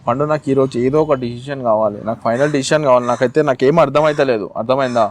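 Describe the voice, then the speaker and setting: A man's voice: mid-range voice, quick pace, soft background music. A young man acting in a love drama, pleading and insistent, repeating himself. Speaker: lead actor in a web drama. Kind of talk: acted love-drama dialogue.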